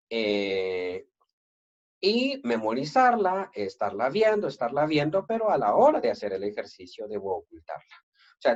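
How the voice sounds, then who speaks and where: The lo-fi, dull-sounding audio carries a medium-pitched man with a Central American Spanish accent. He gives an online Greek grammar lesson patiently yet haltingly, stumbling through many fillers and self-corrections.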